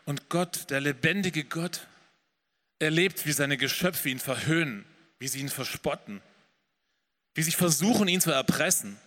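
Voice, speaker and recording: A man preaching a sermon as pastor, earnest and swelling then dropping soft. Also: on the high side, animated, a little slow, in a large hall. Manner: earnest preaching, rising and falling in intensity.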